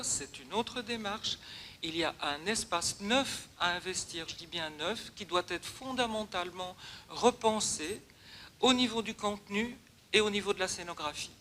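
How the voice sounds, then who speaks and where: A woman's voice: fairly low pitch, fairly bright tone, slight background noise. Hesitant woman giving a talk. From Belgium. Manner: hesitant, restarts phrases often. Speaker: guest speaker. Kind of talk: conference talk.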